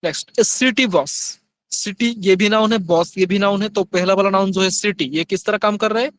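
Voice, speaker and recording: High-voiced man teaching grammar. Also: fairly bright tone, a little hiss or hum. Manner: reads English examples slowly, explains quickly in Hindi with questions. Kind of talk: Hindi-English grammar lesson.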